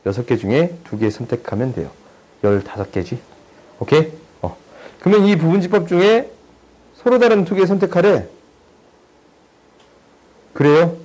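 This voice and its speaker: Husky-voiced man teaching math casually. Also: a little high, animated, normal speed, pauses often, dark tone, rough recording. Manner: chatty, teasing, asks students for agreement. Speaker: math tutor. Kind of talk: casual online math lesson.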